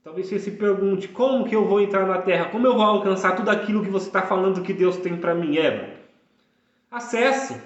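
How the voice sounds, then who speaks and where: A man's voice: high-pitched, a little fast. A man in his thirties preaching a fervent sermon, repeating phrases for emphasis. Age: 30s. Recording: echoey room, dull lo-fi sound.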